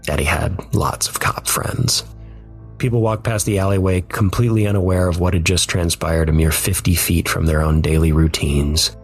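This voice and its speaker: A man giving measured, somber scripted narration of a dark first-person story. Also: extremely low pitch.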